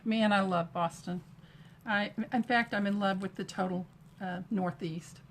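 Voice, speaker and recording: A woman's voice: medium pitch, fairly even intonation, unhurried, slight background noise. A middle-aged woman from Texas, chatting and greeting viewers as she demonstrates a craft project during a live stream. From Texas, USA. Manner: chatty, greets viewers while working with her hands.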